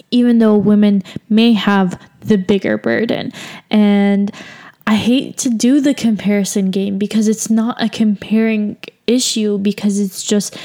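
A woman's voice: mid-range voice, dark tone. A young woman from the United States hosting a solo podcast, talking casually and candidly with lots of filler words. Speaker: podcast host.

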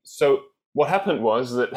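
A man's voice: mid-range voice, lively intonation, slow pace. A man from Denmark, a guest accordionist on a podcast, telling his story thoughtfully with many fillers and restarts. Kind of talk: podcast interview.

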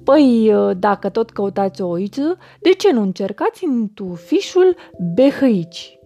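A woman's voice: on the high side, very animated, dark tone, soft background music. A woman voicing a busy female rabbit, chatty and a bit weary.

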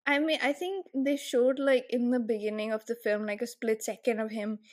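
Higher-voiced Indian woman retelling a story. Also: moderate pace. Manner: animated storytelling, often quoting dialogue in English mixed with Hindi. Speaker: podcast host. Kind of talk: casual chat, retelling a film plot.

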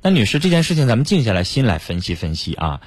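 Male advice host, fast and lively, dry studio mic, gently steering a caller. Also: on the low side, slightly rough, no room sound. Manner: soothing, guiding. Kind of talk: counseling phone-in talk.

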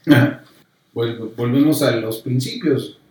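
A man from Mexico with a Mexican accent, a pastor in a casual conversation about faith, animated and repeating himself as he acts out quotes. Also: mid-range voice, unhurried. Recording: very echoey room, distant mic.

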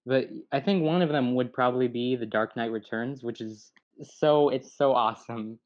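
A man's voice: mid-range voice, normal speed. Rambling young man, muffled audio. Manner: rambling, laughing, self-deprecating. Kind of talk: casual chat. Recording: dull lo-fi sound.

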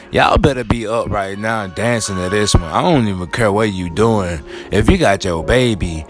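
A man hosting a podcast in casual, slangy chat, drawling and swearing freely between songs, with a sleepy-sounding voice. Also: fairly low pitch. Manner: calls himself sleepy-voiced. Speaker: podcast host.

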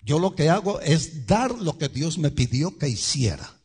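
Husky pastor guy preaching, voice jumps all over, slow and emphatic. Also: a little high, very animated. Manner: emphatic preaching with sudden loud and soft swings; addresses the congregation directly. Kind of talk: sermon.

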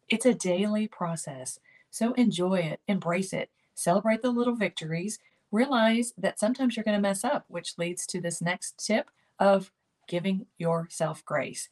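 Older woman host with a gravelly edge, upbeat coaching delivery. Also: medium pitch, darkish tone. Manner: encouraging, repetitive coaching phrases. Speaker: host of a keto lifestyle channel. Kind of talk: motivational talk to camera.

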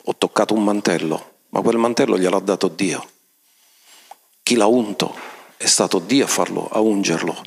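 A remorseful young David speaks in a low, hushed voice, shaken by what he has done, as a preacher acts him out mid-sermon. His words come soft and heavy with regret. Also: normal speed, gravelly, breathy edge. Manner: hushed, lower and quieter than his preaching. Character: remorseful young man David, stricken with guilt.

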